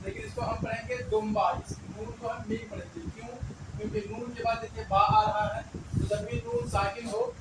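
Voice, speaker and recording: A man's voice: very high voice, level tone, normal speed, distant mic. A man teaching a beginner language lesson, patiently asking questions and answering them himself, repeating key words. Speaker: Urdu teacher. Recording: echoey, mic set back, traffic noise.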